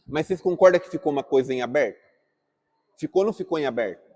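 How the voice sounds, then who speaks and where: A man's voice: on the high side, expressive, fast, a little mellow. A man teaching a class at church, talking casually and asking the group questions. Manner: asks the group questions, calling on people by name. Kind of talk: interactive class talk.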